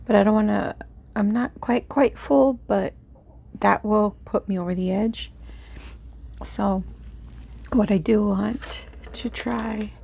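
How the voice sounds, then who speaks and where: Woman chatting casually, gravelly mellow voice. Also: mid-range voice, steady tone, takes it slowly, pauses often. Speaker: mukbang video host. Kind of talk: casual eat-with-me chat. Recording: faint background noise.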